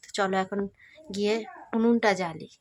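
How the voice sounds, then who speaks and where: A woman's voice: medium pitch, fairly quick, a little hiss or hum. A young woman with a Bengali accent, vlogging in a casual, chatty way to her viewers on a phone camera. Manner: chatty, addresses viewers as friends. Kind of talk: casual vlog chat.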